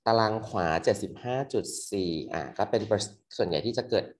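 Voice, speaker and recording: Young man giving a fast casual medical tutorial. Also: lowish voice. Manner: quick, loose explaining with many fillers. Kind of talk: casual exam review lecture. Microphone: computer mic on a screen recording.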